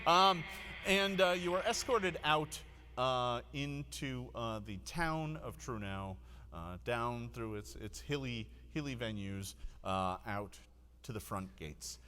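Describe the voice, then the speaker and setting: Male game master, live tabletop show: sharp, projected tone, halting improvised narration, amused. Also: mid-range voice, in a large hall.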